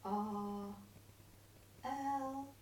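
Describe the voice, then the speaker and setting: Extremely slow and medium in pitch with a darkish tone, a woman reads a letter aloud at home, gently coaxing and encouraging as a carer would. She sits far from the mic in an echoey room, captured in a casual home video.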